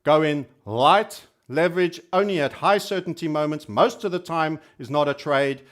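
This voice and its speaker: At normal speed and with a fairly bright tone, a man whose voice sits on the high side hosts a casual YouTube trading commentary. He speaks emphatically, repeats phrases for stress, and puts things in a cheeky, colourful way.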